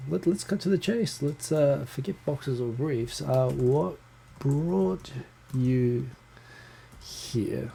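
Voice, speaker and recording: A New Zealand man hosts a casual solo livestream, rambling in a self-deprecating way, talking fast and restarting his sentences. His medium-pitched voice is dark and mellow, animated, with vocal fry, recorded close on a handheld USB recorder mic over a computer fan's hum.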